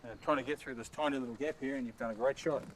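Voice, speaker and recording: A man's voice: medium pitch, steady tone, racing, a little hiss or hum, poor audio. A man in casual, friendly chat about archery. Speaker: archery club member and course designer.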